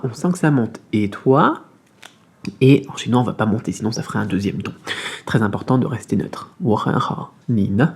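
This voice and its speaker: A man teaching a casual beginner Mandarin video lesson, explaining in a friendly way, repeating sounds slowly, with many fillers. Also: lowish voice, darkish tone, breathy edge.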